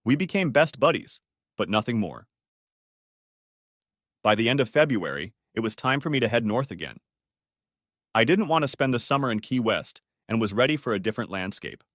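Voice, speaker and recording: A man narrating a first-person family story in a steady, matter-of-fact way on a close mic. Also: mid-range voice, normal speed, pauses often, no echo.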